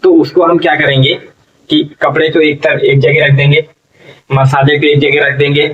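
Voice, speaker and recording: A man's voice: a little high, little pitch movement, normal speed, fairly bright tone, distant mic, lo-fi sound. A man teaching English reading to learners, spelling words out letter by letter and often checking in with "ठीक है". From India. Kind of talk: slow spelling-out classroom lesson.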